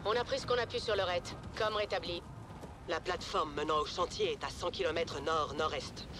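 Actress: loyal, tough female second-in-command for French game dub; brisk delivery, clear noise behind. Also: on the low side, natural voice. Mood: brisk, urgent. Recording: noisy battlefield ambience behind the voice.

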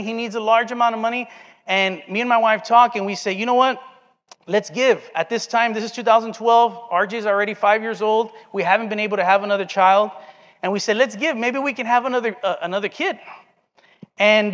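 High-voiced man preaching in a reverberant hall. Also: a bit bright. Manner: earnest storytelling, acts out quoted dialogue. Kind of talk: sermon with personal story. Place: church sanctuary.

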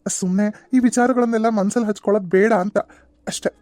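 A woman voicing a calm, caring young husband in a cartoon serial, with a soft, reassuring way of explaining. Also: mid-range voice, fast, no echo, clean studio sound, close to an everyday voice. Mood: gentle.

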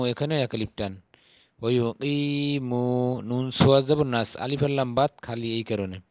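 A middle-aged man teaching Quran reading, patiently spelling out each syllable and then drawing out the recited words slowly. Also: mid-range voice, dry recording, lo-fi sound.

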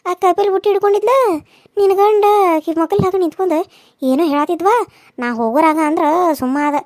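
A woman's voice: very high voice, fast, a little mellow, dry recording, clean studio sound. A woman voicing a caring older village woman who comforts and advises. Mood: concerned. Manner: soothing, bossy-kind, reassuring. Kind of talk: cartoon serial voice acting.

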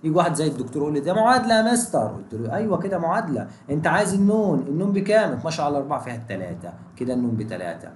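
Man, Egyptian accent, math teacher, slightly high voice, extremely fast, echoey room. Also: slight background noise. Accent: Egyptian Arabic. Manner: energetic, keeps asking students questions. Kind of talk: exam exercise walkthrough.

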